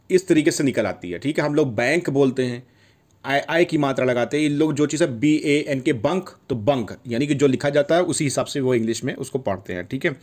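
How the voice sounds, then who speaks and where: A man's voice: medium pitch, darkish tone. Guy teaching words on video, says each one twice, keeps checking in. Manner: repeats each word, checks in with "theek hai". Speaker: language teacher. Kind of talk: casual video lesson.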